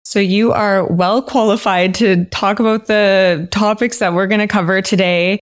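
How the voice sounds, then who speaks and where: A woman's voice: mid-range voice, steady tone, unhurried, clean tone, no room sound, studio quality. A woman hosting a podcast, reading the episode intro and asking friendly, upbeat questions. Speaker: podcast host.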